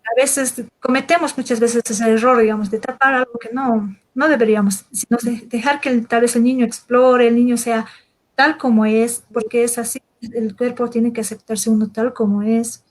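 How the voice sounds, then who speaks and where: A woman hosts a conversation, thinking aloud in a reflective, halting way. Her voice sits fairly high, and her intonation stays quite even and flat. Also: rough recording. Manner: reflective, hesitant, full of fillers. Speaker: interview host. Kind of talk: conversational interview.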